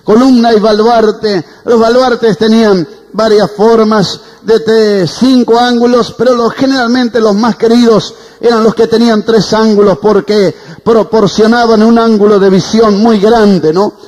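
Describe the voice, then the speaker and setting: A male pastor delivers a fervent sermon in a very high voice. He keeps calling on the congregation for an amen. His words ring out with the long reverb of a hall. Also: fairly even intonation, a little slow, few pauses, darkish tone. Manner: preaching fervently, asks for amens.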